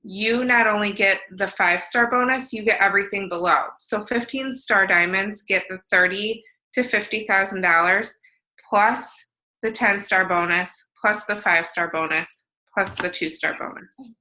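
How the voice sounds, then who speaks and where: A woman's voice: mid-range voice, measured pace, pushed and bright, poor audio. A woman co-hosting a team conference call, explaining things with enthusiasm and many fillers.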